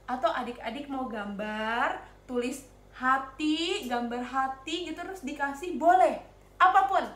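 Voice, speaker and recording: A woman's voice: sits high, a little slow. Indonesian lady telling kids a bible story, bouncy and singsong, lots of room echo. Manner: animated, sing-song, asks children questions. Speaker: Sunday school teacher. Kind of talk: storytelling to young children.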